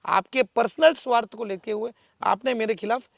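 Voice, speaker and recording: Man in an interview, high gravelly voice, defiant and pushy, dry sound. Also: steady tone, normal speed, no room sound. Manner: forceful, defiant, emphatic rhetorical speech. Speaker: local political figure, interviewee. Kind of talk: interview answers.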